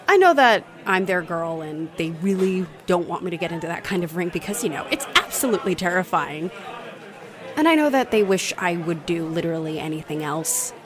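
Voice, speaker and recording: A woman's voice: lowish voice, expressive, normal speed, crowd noise, natural voice. A young woman voicing a bubbly female bartender who is a starstruck fight fan, gushing, apologizing and laughing nervously. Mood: earnest, giddy. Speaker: roleplay voice performer. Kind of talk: audio roleplay acting.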